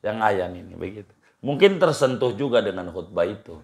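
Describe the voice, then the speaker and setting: A man, a cleric giving a relaxed religious study talk and answering questions in a colloquial, repetitive way. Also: fairly low pitch, brisk, vocal fry. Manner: easygoing, colloquial, repeats phrases, chuckles.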